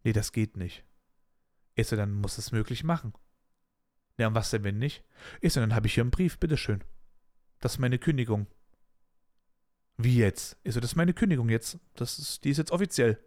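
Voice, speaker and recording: A man's voice: medium pitch, moderate pace, pauses often. A man hosting a podcast, bluntly and animatedly telling a story from his own working life in casual, colloquial talk. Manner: blunt, animated retelling of a workplace dispute with colloquial asides. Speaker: podcast host.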